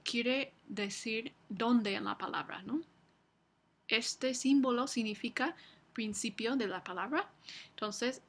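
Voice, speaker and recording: A woman university lecturer giving a recorded lecture, explaining slowly with frequent fillers and restarts. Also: on the high side, a bit bright.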